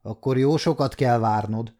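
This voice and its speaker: A man's voice: mid-range voice, darkish tone, natural voice. An adult man voicing a curt, dismissive male gate guard.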